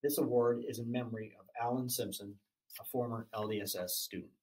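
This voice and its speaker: A man with a mid-range voice reads school award announcements in a formal, even way. He moves steadily through names and criteria, now and then tripping on a word. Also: mid-range voice, fairly quick, low-quality recording. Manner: formal, even reading with small stumbles. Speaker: awards presenter.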